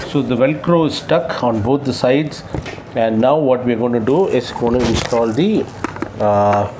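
For his how-to vlog, a young man seated on his home floor explains things step by step in a casual, halting way, often breaking off mid-sentence while working. His voice is mid-range, and steady ambient room noise is audible.

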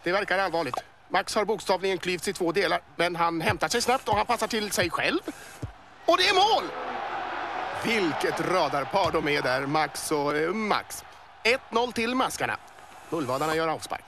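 A man plays an excitable male boa snake commentating a cartoon sports match, his voice on the high side and building to yells whenever a goal is scored. The mood is lively, with music and other noise in the background.

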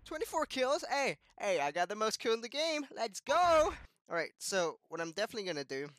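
A young man giving excitable live commentary on his gameplay, yelping and trash-talking. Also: high-pitched, brisk, no echo, studio quality. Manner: excitable, yelps and trash talk. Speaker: gaming youtuber. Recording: loud game music behind.

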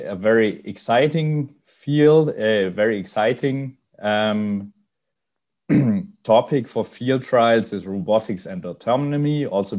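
A man gives a slide talk in a webinar, in a fairly low voice. He moves along at a very slow, deliberate pace. He keeps pausing with fillers and restarting his sentences. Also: darkish tone. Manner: hesitant, many fillers and restarts. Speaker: webinar presenter. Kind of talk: slide presentation.

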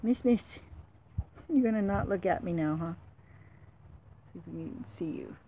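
Strolling past her chicken pens, a backyard chicken keeper gives a relaxed walk-along narration, chatting with her hens along the way. Her medium-pitched voice is expressive and dark in tone, at normal speed. The handheld camera picks up noisy outdoor sound.

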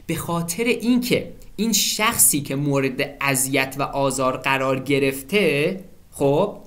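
A man in his twenties tutoring for an English exam in an animated way. He often checks in with students and slows down to spell out English phrases. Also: medium pitch. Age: 20s. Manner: animated, keeps checking in with "okay?" and addresses students as kids. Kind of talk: exam-prep lesson walkthrough.

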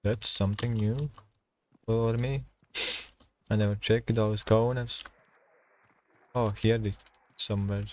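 A man streaming a survival game, talking to himself and his chat in halting, while he plays. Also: lowish voice, fairly even intonation. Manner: halting non-native English, thinking aloud while playing. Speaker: gaming streamer. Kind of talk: casual gameplay commentary.

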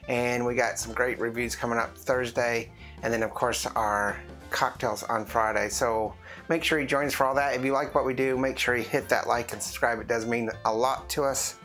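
A man hosting a casual coffee review vlog. He talks in a rambling way, with lots of fillers and restarts, and his voice is rough from the morning. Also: mid-range voice, a bit bright. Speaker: host of a drinks review channel.

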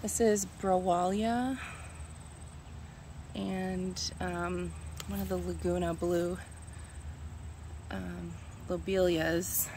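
A woman strolls through her garden with a handheld phone, chatting in a relaxed, musing way and pausing over plant names she half remembers. Her voice has a gravelly, fry-tinged edge, and loud insect and cricket noise surrounds her outdoors. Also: fairly low pitch. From Minnesota. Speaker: gardener giving a garden tour. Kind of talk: casual walking garden tour. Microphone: phone camera held while walking.

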